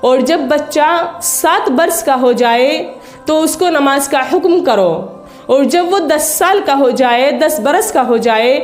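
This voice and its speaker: A woman with a high voice gives an earnest religious talk, going over each point more than once so it sinks in. Her voice rings in an echoey room, with faint music playing underneath. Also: slow pace. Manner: earnest, repeats points for emphasis. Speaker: religious speaker.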